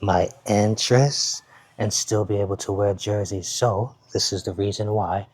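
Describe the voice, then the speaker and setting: A man giving a casual show-and-tell of sports jerseys at home, talking in an unhurried, halting way and repeating words. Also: lowish voice, fairly even intonation, darkish tone, slightly rough. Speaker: jersey reviewer. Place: home, with his baby nearby.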